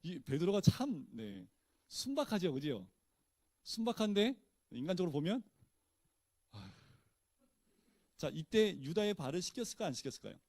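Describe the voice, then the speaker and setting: A man's voice: high-pitched, sing-song, moderate pace, long pauses, darkish tone, dry recording. A male pastor teaching a Bible study in a casual, conversational way, often posing questions to his listeners and answering them himself.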